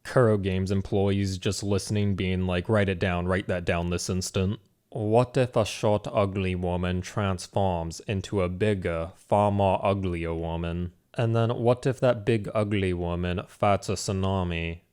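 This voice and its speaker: A man's voice: sits low, steady tone, measured pace, few pauses, a little mellow, clean tone. A man streamer giving a casual, rambling, sarcastic rant about a game.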